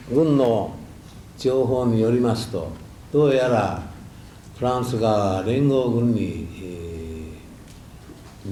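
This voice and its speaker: Mellow older man preaching in echoey room. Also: lowish voice. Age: 60s or older. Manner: halting, reflective, with many drawn-out hesitations and folksy asides. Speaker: speaker giving a Buddhist temple talk. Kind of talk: sermon with personal war recollections. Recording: echoey room, faint background noise.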